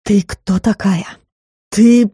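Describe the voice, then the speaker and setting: A woman voicing a cold, menacing dragon lord in an audiobook, speaking slowly and hissing through clenched teeth. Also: mid-range voice, fairly even intonation, warm tone, breathy edge, no echo, studio quality.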